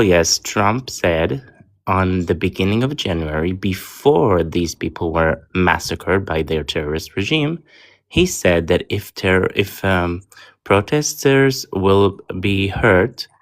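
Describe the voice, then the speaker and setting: A man's voice: deep voice, expressive, slow. A man calling into a livestream debate, dry and sarcastic. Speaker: caller.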